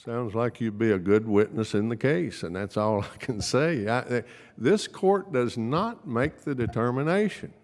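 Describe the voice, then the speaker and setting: In a large, echoey public meeting room, a county official who serves as attorney for the court gives formal remarks. His voice is mid-range and darkish, a little slow, and he sounds firm, emphatic and legalistic, repeating his points.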